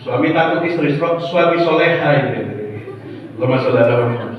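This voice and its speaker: A man preaching a sermon, telling animated stories and addressing the congregation directly. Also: fairly high pitch, fast talker. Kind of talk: sermon with storytelling. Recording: echoey hall, distant dull mic.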